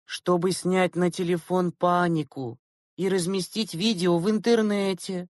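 Woman doing a stern, tired female teacher, audiobook, low for her, dry close sound. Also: fairly even intonation, measured pace, a little mellow, no echo, lightly acted. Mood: bitter. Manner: stern, exasperated complaining. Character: weary, bitter female schoolteacher. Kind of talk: audiobook character reading.

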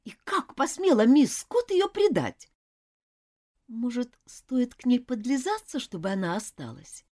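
A woman narrating a children's audiobook in an expressive storytelling manner. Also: on the high side, a little slow.

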